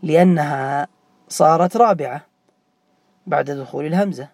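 A man's voice: on the high side, normal speed, darkish tone, no room sound. A man teaching a classroom grammar lesson, repeating key words and quizzing students by name.

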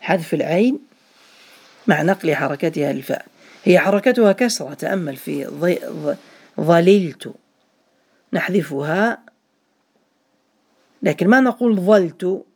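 A man's voice: sits high, a little mellow. A man teaching an Arabic grammar class, questioning his students by name, repeating key points and blessing them after their answers. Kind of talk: classroom lesson.

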